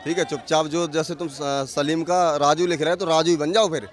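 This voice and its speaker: Man, street interview, outdoors, fairly high voice, indignant, rhetorical. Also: fairly even intonation, brisk, a faint crowd. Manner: forceful, indignant, rhetorical questions. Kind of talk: heated street vox pop.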